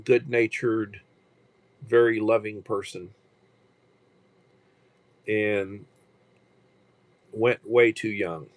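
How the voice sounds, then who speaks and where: Dry audio captures a lowish, fairly even voice belonging to a livestream host in his sixties. He talks casually and meanders, often stopping to restart and leaning on fillers.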